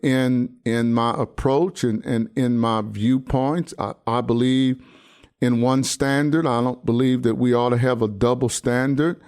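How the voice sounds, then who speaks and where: Earnest pastor in his sixties, smooth voice. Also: medium pitch, darkish tone. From United States. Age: 60s. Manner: halting, many restarts and fillers, earnest. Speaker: pastor and podcast host. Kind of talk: personal commentary monologue.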